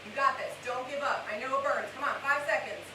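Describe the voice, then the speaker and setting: Leading a live workout class, a woman with a high, fairly quick voice shouts cues, countdowns and encouragement, straining as she does the exercises herself. The recording comes from an echoey room, with the mic far away and heavy hiss.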